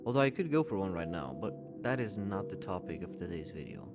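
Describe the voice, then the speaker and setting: A man's voice: sits low, very animated, fairly quick, vocal fry, loud music behind the voice. A man in his twenties giving a candid, conversational commentary voice-over and swearing casually. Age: 20s. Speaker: YouTube commentator.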